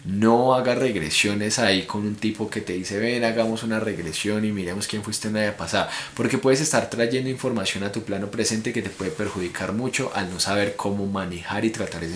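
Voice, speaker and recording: A man with a Colombian Spanish accent reads a spiritual book aloud and breaks off to explain it to his viewers. His voice sits very low and deep. The recording carries a clear echo from the room. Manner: explanatory, addresses viewers directly. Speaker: spiritual book reader and commentator. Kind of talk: reading a book aloud with commentary. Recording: echoey room.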